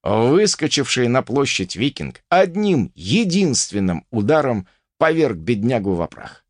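Male audiobook narrator, vivid first-person storytelling, animated range, dry booth sound. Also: medium pitch, measured pace, no echo.

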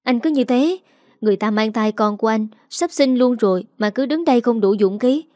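A woman voicing a brisk young woman who scolds and nudges her brother. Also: on the high side, mellow, no room sound, clean studio sound, close to an everyday voice. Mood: scolding.

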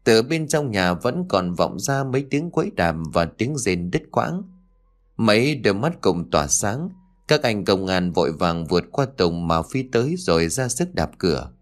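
A man narrating a story in an expressive, dramatic way. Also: fairly low pitch, normal speed. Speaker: audiobook narrator.

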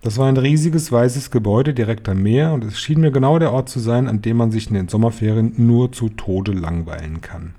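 A man narrates a children's novel in a calm, even manner. His voice is mellow and somewhat dark, at an ordinary pitch for a man. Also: a little fast, hardly any pauses. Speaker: reader. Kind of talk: audiobook narration.

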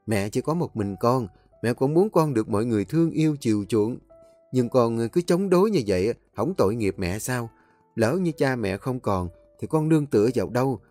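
A man's voice: high-pitched, animated, fairly quick, faint music behind, pitched above the performer's own voice. A man voicing a worried, pleading middle-aged mother. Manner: pleading, anxious.

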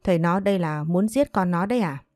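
Gentle worried village mother, soft and pleading, mellow and dry, as a woman reads her. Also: fairly low pitch, animated, a little fast, dry recording, soft background music, natural voice. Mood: upset.

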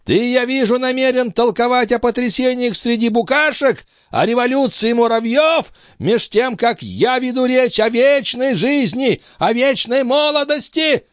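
A man voicing an ancient, frail male alchemist, wrathful and scornful, with a weak, quavering old voice and shrill shouting outbursts. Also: lively intonation, measured pace, few pauses, no echo, clean studio sound. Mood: furious. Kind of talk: audiobook character voice.

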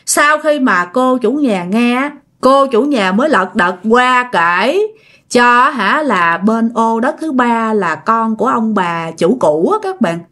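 A woman's voice: fairly high pitch, fairly bright tone. A woman with a Southern Vietnamese accent telling a ghost story in a chatty way. She talks straight to her listeners and repeats words to build suspense. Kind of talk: casual ghost-story narration.

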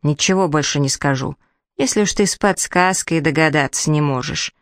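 A creaky, grouchy fairy-tale hut on chicken legs lectures and grumbles like a strict teacher, as a woman reader puts it on. The voice sits low, recorded close and dry. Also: moderate pace, no echo. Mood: grumbling. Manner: nagging and preachy. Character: grumpy magic hut on chicken legs, teacherly, good-natured underneath.

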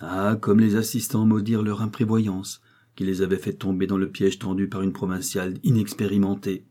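A man narrating a novel as an audiobook in a measured, even storytelling manner. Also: lowish voice.

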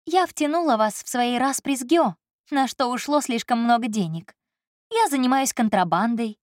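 A woman narrator voicing a young, anxious and sharp-tongued woman, in a raised, brisk and teasing tone. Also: fairly high pitch, lively intonation, dry recording, clean studio sound, pitched above the performer's own voice, natural voice. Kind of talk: audiobook character voice.

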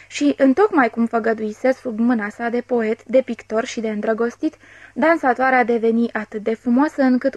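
A woman's voice: fairly high pitch, darkish tone, no room sound. Woman reading an audiobook, dry close sound. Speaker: audiobook reader. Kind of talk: literary audiobook narration.

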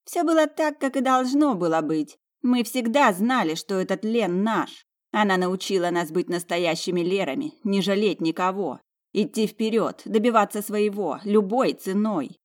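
A woman's voice: mid-range voice, close to an everyday voice. A woman voicing a spiteful, sneering young noblewoman in an audiobook, taunting her sister.

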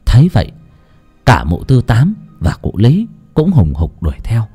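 A man's voice: medium pitch, wildly swooping pitch, moderate pace, dark tone, slightly rough, faint music behind. A man narrating an audiobook story in a dramatic way that rises and falls with the action. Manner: dramatic, rising and falling with the action.

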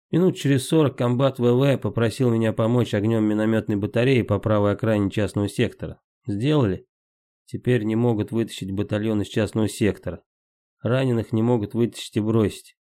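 Guy reading his war memoir, short clipped sentences, deep warm voice. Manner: terse, matter-of-fact, clipped sentences. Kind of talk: first-person memoir reading.

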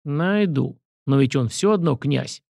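A man's voice: fairly high pitch, lively intonation, unhurried, creaky, dark tone, no room sound, studio quality, heavily acted. A man voicing a skeptical train conductor who asks doubtful, probing questions.

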